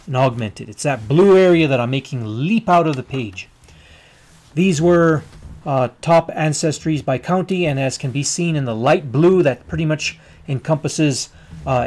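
Halting male lecturer, full of ums. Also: on the high side, a little mellow. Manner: halting, many ums and uhs, pointing at a map with a pen. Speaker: geography lecturer. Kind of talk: recorded lecture over maps.

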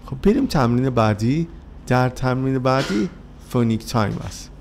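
A man teaching an English workbook lesson to children, speaking Persian with a Persian accent and drilling words and letters slowly, one by one. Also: mid-range voice, expressive, darkish tone, a little hiss or hum.

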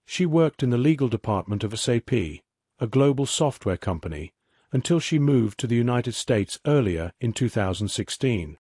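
Male narrator, even documentary read, mid voice, dead-dry booth sound. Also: mid-range voice, normal speed, husky, no echo. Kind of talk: scripted narration.

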